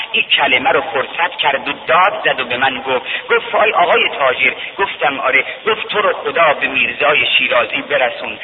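A man telling a story as a sermon, with dramatic rising cries and drawn-out emphasis, heard through a tinny radio broadcast from a mosque hall. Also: fairly high pitch, a little hiss or hum. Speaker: preacher. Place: mosque over loudspeaker.

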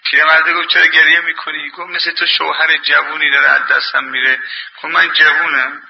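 A man's voice: a little high, level tone, creaky, lo-fi sound. A man preaching a sermon in an impassioned, colloquial scolding manner, telling anecdotes.

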